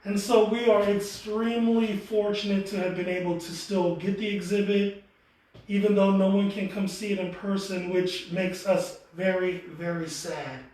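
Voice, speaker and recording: A man with a high, steady, slightly mellow voice speaks casually at a moderate pace, showing visitors around an indoor art gallery as the exhibit's tour guide and co-curator. The room is echoey.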